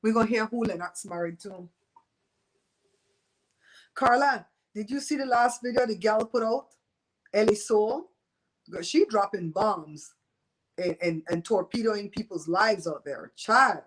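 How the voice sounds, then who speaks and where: Hosting a live show, a woman from Belize in her fifties gossips bluntly with her viewers in a Belizean Creole accent, laughing a lot. Her mid-range voice is unhurried with long pauses, and the recording is rough.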